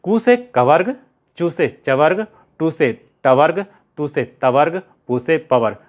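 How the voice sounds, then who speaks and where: A middle-aged man with a Hindi accent leads a Sanskrit grammar class, calling out letters one by one. He speaks very slowly in a slightly high voice, often posing a question and answering it himself. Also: animated. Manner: drills sounds, asks and answers his own questions; slow, deliberate recitation of letters. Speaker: Sanskrit teacher.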